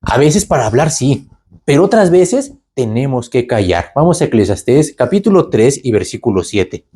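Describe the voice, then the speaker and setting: A man's voice: medium pitch, very animated, moderate pace, mellow, slightly rough. A man teaching the Bible conversationally, asking rhetorical questions and tagging lines with "¿verdad?". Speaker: preacher.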